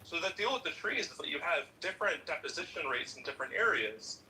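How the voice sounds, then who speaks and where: A man debating a caller, explaining in a measured way and turning forceful when pressed. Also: fairly high pitch, sing-song, distant mic, a little hiss or hum, rough recording. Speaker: debater defending geology. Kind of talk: call-in debate.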